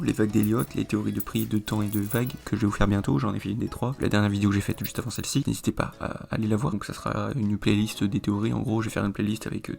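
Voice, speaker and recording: A man explaining a trading chart in a screen-recorded tutorial, rambling with many fillers, his voice a little hoarse. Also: on the low side, a little mellow. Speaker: trading video host.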